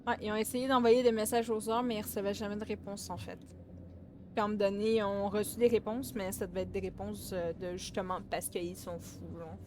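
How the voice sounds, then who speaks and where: A woman with a Québécois accent streaming a horror game, excitable and shouting at the screen. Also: mid-range voice, a little fast, a little hiss or hum. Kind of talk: let's play commentary. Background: game music.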